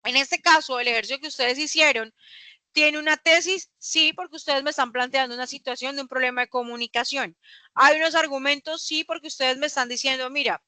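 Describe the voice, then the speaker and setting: A woman's voice: high-pitched, bright, forceful tone, no echo. A young woman, teaching a class and explaining patiently with rhetorical questions. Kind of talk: classroom lecture.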